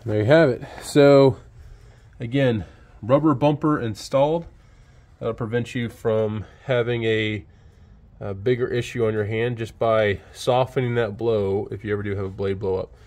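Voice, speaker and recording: This sawmill owner speaks with a fairly low voice at a normal speed as he demonstrates a repair outdoors beside the machine, under an open shed. The handheld-camera clip is a casual how-to, and he stays relaxed, going step by step with fillers.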